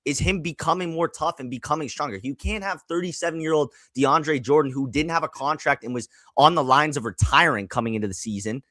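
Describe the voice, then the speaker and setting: A man's voice: on the high side, brisk, hardly any pauses, sharp tone, no echo. A man from Canada, a sports writer and podcast host, talking basketball in a casual chat, restarting his sentences often.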